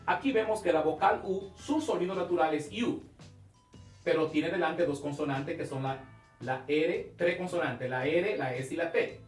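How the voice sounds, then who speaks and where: A man teaching English pronunciation in a televised class, speaking slowly and emphatically, drawing out key sounds and praising his viewers. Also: on the high side, echoey room, far from the mic, soft background music. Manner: asks questions and praises the viewer.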